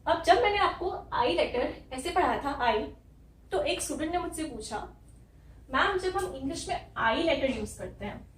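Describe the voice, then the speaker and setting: Indian lady teacher, high voice, spells stuff out slow, echoey room a bit off mic. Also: lively intonation, a bit bright, distant mic, slight background noise. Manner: slow, careful, spells out sounds letter by letter. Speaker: English teacher. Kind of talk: spoken language lesson.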